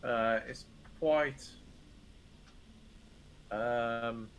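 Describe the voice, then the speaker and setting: A man improvising narration as a tabletop game master, halting and informal, with the odd mild swear. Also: medium pitch, a little hiss or hum.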